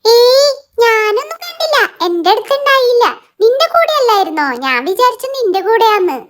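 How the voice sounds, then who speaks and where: A woman voicing an excitable little girl doll in a children's doll story, talking in an anxious, pleading way. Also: extremely high pitch, normal speed, exaggerated voice.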